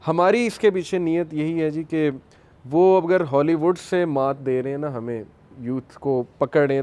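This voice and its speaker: A man speaks for his youth club in a studio discussion. His voice is mellow and warm, and he explains his group's position in an earnest, agreeable way. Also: a little high. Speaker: youth club member, guest.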